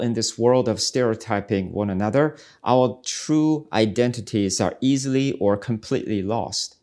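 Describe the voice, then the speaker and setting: This ministry podcast host from South Korea speaks with a medium-pitched, slightly mellow voice. His devotional talk is earnest and reflective, searching and preacherly in style.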